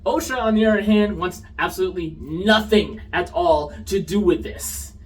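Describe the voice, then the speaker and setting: A young man giving a casual, sarcastic TV show review, now and then getting loud. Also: high-pitched, moderate pace, far from the mic, poor audio. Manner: animated, sarcastic, gets loud.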